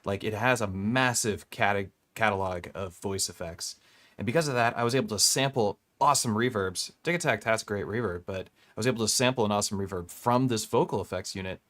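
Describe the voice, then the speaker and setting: A man's voice: fairly low pitch, a bit bright. A man talking through a vocal processor that heavily compresses his voice. He is an electronic music producer chatting casually and enthusiastically on a live stream, rambling and restarting his sentences. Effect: voice heavily compressed through a vocal effects processor.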